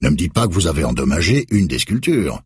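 A man's voice: low-pitched, big pitch swings, fast, slightly rough, dry recording, clean studio sound, heavily acted. A man voicing a startled male art foundation curator with plain, surprised replies.

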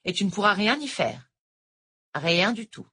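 A woman's voice: mid-range voice, animated, unhurried, sharp tone, slightly rough, pitched above the performer's own voice, heavily acted. Woman reading as a bitter, moody tutor. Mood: brooding.

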